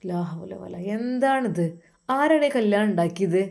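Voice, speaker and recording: A woman voicing a calm, soothing young husband. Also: mid-range voice, unhurried, gravelly. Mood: taken aback. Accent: Malappuram Malayalam. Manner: gentle, steady, soothing. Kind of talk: storytelling voice acting.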